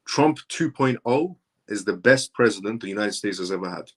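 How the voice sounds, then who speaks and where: Lowish and expressive, this man's voice moves at a moderate pace. He's in his thirties, running a live stream where he reads viewer comments out loud and replies with insistent, repetitive emphasis.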